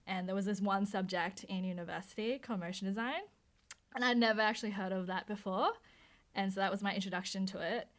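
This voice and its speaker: A woman's voice: medium pitch, fast. A woman in her thirties, raised in Australia, answering interview questions about her design career, chatty with frequent fillers and restarts. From Hong Kong, raised in Australia. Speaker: motion designer.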